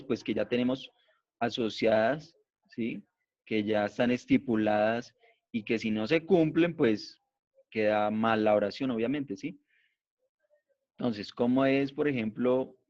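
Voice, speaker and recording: Male teacher, mid-pitched, slow and patient, explaining step by step; muffled lo-fi class recording. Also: darkish tone. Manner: slow, patient, repeats "¿listo?" after each point. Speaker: English teacher. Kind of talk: online class explaining grammar. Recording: dull lo-fi online class audio.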